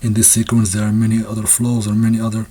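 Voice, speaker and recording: Speaking in a low-ish, monotone voice that is warm and husky, a man discusses a textbook's ideas without a script. His delivery is halting, full of restarts and fillers, with the odd nervous laugh.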